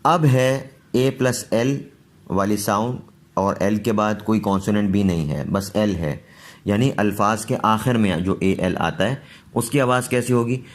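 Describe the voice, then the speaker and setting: Male teacher, unhurried and patient, slightly low voice, drills pronunciation. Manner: patient, repeats each word slowly. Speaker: English teacher. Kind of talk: slow pronunciation lesson.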